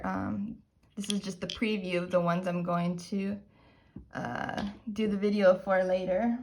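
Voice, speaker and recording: A woman talks at an unhurried, drawn-out pace in a casual haul-video chat. She gushes with excitement, jokes about being a dork, and now and then sinks into soft murmurs while showing her polishes. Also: mid-range voice. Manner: gushing, chatty, calls herself dorky. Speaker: nail polish vlogger.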